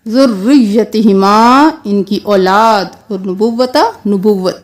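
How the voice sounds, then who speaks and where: A woman with a high, light voice gives a Quran recitation lesson. She switches between quick explanations and long, melodic chanting of each verse. Between the chanting she sounds words out one syllable at a time. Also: a little mellow.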